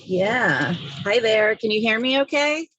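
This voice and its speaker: A woman calling in by phone from a parked car, breezy and quick to laugh. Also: on the high side, animated, fairly bright tone, slightly rough, dry recording, dull audio. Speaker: panelist, former board member. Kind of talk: video call from a parked car.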